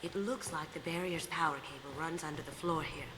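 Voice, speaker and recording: A woman's voice: low-pitched, steady tone, a little fast, close to an everyday voice. An actress voicing a cocky, playful female master thief in a video game, confident and sly. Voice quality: confident, sly, softly spoken. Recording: game audio with clear background noise.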